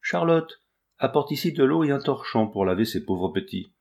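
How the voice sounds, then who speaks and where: A man's voice: medium pitch, lively intonation, moderate pace, gravelly, voice pushed up. A man voicing a poor, elderly female ragpicker who talks brusquely but turns kind. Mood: gruff, coaxing. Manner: brusque scolding that softens into kindness.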